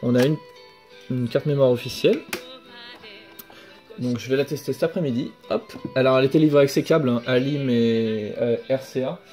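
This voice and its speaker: A young man talks through his finds in a casual show-and-tell vlog, relaxed and a bit hesitant, often stopping to correct himself. His voice is mellow and mid-pitched. A faint music bed plays quietly behind him. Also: fairly quick. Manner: relaxed, hesitant, many fillers and self-corrections. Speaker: video game collector vlogger.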